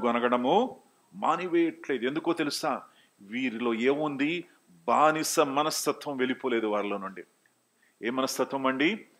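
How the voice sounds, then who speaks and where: A man preaching a sermon, often asking the congregation questions and mixing in English phrases. He swings from loud, high exclamations to low, quiet asides. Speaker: pastor.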